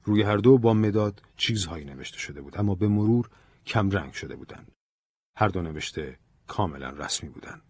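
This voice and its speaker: A man narrating an audiobook in a calm, even storytelling manner. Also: deep voice, slightly rough. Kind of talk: scripted narration.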